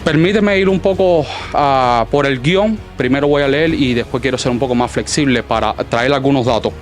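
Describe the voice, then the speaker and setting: A man's voice: mid-range voice, moderate pace, soft background music. A man with a Cuban accent delivering a formal political speech in a solemn, declamatory manner, partly from a script. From Cuba. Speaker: political speaker at an exile inauguration.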